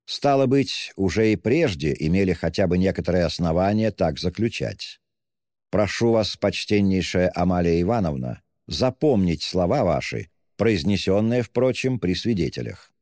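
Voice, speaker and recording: A man's voice: sits low, animated, normal speed, a little mellow, studio quality. A man voicing a smug, pompous middle-aged official who speaks with cold, reproachful politeness. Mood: insinuating. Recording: long hall reverb.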